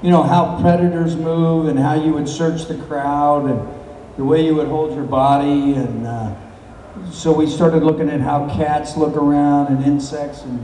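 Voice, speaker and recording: Heard from a distance in an echoey convention hall, a middle-aged actor fields audience questions from the stage. His pitch sits fairly high, and he holds a handheld mic while spinning loose, filler-laden anecdotes. A little hiss or hum runs under the recording.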